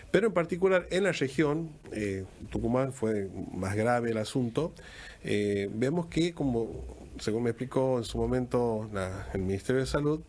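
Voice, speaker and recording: A man with an Argentine accent hosting a radio interview, talking in halting phrases with many restarts. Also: medium pitch, darkish tone. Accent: Argentine Spanish. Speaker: radio host.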